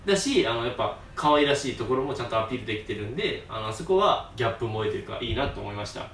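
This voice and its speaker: Young male host, lively and bright, animated fan talk, acts out scenes, distant mic in a roomy space. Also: mid-range voice, very fast, a little hiss or hum. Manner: excitable, acts out scenes in voices, laughs often.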